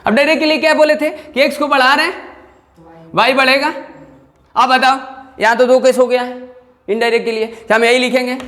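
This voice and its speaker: A man's voice: very high voice, fairly bright tone. A man teaching a maths class, asking his students questions and checking again and again whether they follow. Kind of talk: classroom lecture. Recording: long reverb in a classroom.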